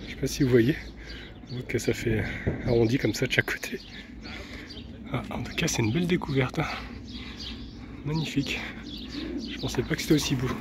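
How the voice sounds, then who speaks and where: A man from France filming a casual travel vlog outdoors on a handheld camera, chatty and relaxed, with soft laughs and hesitant fillers. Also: mid-range voice, a little fast, long pauses, noisy background. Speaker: travel vlogger. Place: outdoors, walking around a van and an old town.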